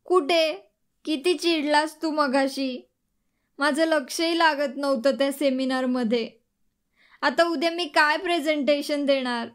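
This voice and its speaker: A woman's voice: high-pitched, unhurried. A woman voicing a shaken young wife in an audiobook, upset and pleading. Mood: indignant. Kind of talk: audiobook dialogue reading.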